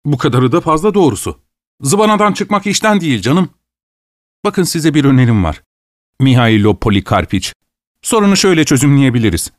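A man's voice: mid-range voice, sing-song, a little fast, dry recording, studio quality, lightly acted. A man voicing a stingy, anxious male host who speaks with strained, ingratiating politeness. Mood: wheedling.

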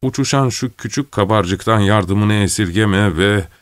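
A man voicing a shaken soldier who reads a prayer at a grave, hushed and hesitant. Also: lowish voice, a little slow, dry recording, studio quality, natural voice. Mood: hushed solemn.

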